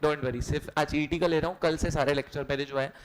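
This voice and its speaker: Playful high-voiced Indian male teacher. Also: steady tone, fairly quick, low-quality recording. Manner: playful, jokey, repeats lines and quizzes students. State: recently unwell. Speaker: online exam-prep teacher. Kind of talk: energetic classroom lecture.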